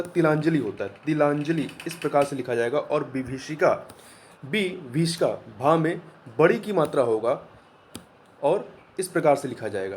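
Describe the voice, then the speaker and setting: A man's voice: fairly high pitch, darkish tone, slight background noise. A man teaching an exam-prep lesson, explaining answers patiently and repeating key words. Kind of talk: spoken lesson.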